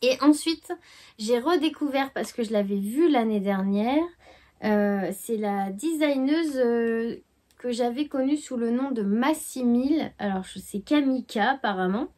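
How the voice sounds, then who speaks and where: A woman's voice: a little high, expressive, measured pace, warm tone. Chatty, hesitant woman knitting vlogger. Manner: chatty and hesitant, many fillers. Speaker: knitting podcast host. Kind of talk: casual chat.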